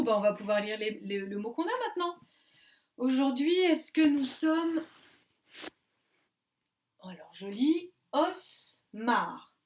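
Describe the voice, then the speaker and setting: A woman teaching a class of little children from a recording, her voice pitched a touch high and full of sing-song coaxing. She sounds letters out one by one, drawing the children along with lively, patient encouragement. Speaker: kindergarten teacher. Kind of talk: remote class video lesson for young children.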